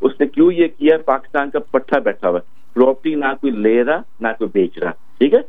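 Guy on a thin phone line, talks super fast, pushy, flips between urdu and english. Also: mid-range voice, big pitch swings. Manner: insistent, repeats words. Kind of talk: heated discussion mixing Urdu and English.

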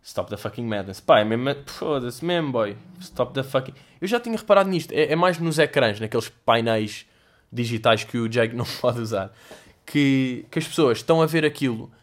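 A man's voice: mid-range voice, a little fast. Young Portuguese man, rambling comic vlog. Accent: European Portuguese. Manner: swears a lot, animated storytelling with mock voices and sound effects. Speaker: host answering viewer questions. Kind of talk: casual comedic monologue.

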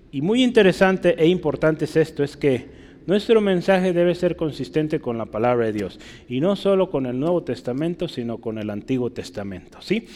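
A man's voice: fairly high pitch, darkish tone. Guy preaching, chatty, keeps asking the crowd "right?", long reverb in the hall. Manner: conversational, often checks with the congregation. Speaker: pastor. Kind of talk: sermon.

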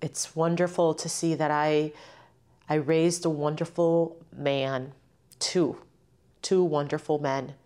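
A middle-aged mother and community organizer, born in Puerto Rico and raised in western Massachusetts since age two, gives a reflective, personal interview. Her slightly low, warm voice stays level, and she takes it slowly.

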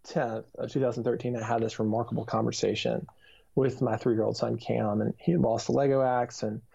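Gravelly, mellow-voiced man telling his story. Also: mid-range voice, little pitch movement, fairly quick. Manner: earnest, reflective storytelling with many fillers. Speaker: author and youth minister. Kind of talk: personal testimony in an interview. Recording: dull lo-fi recording.

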